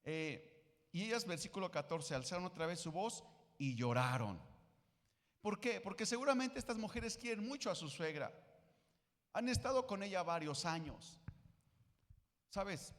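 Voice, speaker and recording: A man's voice: sits high, very animated, a little slow, pauses often, big-room sound. A man preaching a sermon as pastor, often asking his congregation questions and acting out the lines of the biblical women. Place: church sanctuary.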